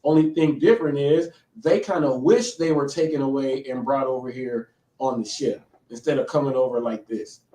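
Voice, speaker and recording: A warm, medium-pitched male voice at normal speed belongs to a man in his late thirties hosting a live show. He rambles casually, often checking in with "okay?", and the echoey room recording places him a bit far from the mic.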